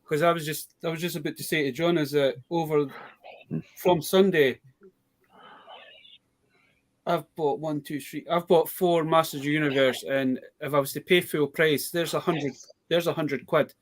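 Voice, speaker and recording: A man's voice: fairly high pitch, steady tone, moderate pace. A man with a British accent chatting casually about toy bargains in a rambling, storytelling way. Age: adult. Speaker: toy collector guest. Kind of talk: casual live chat.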